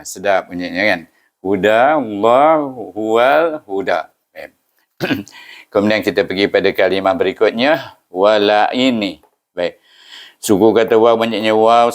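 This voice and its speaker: A man with a Malaysian Malay accent, teaching Quran reading patiently, syllable by syllable, with slow chanted recitations. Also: lowish voice. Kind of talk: step-by-step recitation lesson.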